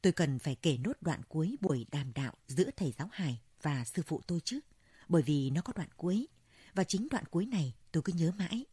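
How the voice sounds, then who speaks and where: A woman narrating a story in a steady, unhurried audiobook reading. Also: low voice, slightly rough, dry recording.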